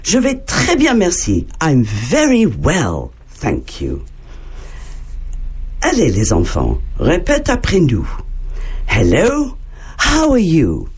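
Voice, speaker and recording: A woman teaching English to children in a slow, playful, heavily exaggerated sing-song manner. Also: low-pitched, wildly swooping pitch, a little mellow, slightly rough. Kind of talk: children's language lesson.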